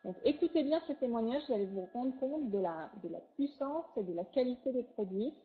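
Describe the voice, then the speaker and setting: A woman's voice: fairly high pitch, animated, brisk. A woman giving an enthusiastic sales presentation over slides, full of superlatives. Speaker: product presenter. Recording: tinny phone-like audio.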